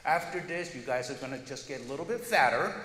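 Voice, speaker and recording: A man's voice: medium pitch, animated, fast, bright, forceful tone. A man hosting a forum, addressing the audience informally in an emphatic, chatty way. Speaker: festival director and forum host. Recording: echoey hall, long reverb, background noise.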